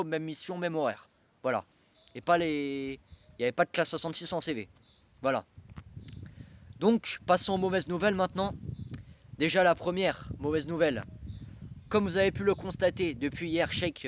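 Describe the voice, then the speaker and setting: A man's voice: fairly high pitch, a little hiss or hum. A young man talking to camera in a casual vlog, rambling with many fillers and restarts. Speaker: train-spotting vlogger.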